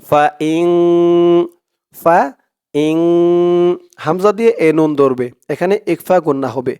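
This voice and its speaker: A man from Bangladesh, teaching Quran reading by breaking words into syllables and chanting verses slowly. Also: fairly high pitch, lively intonation, darkish tone, no echo, studio quality. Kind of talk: slow step-by-step recitation lesson.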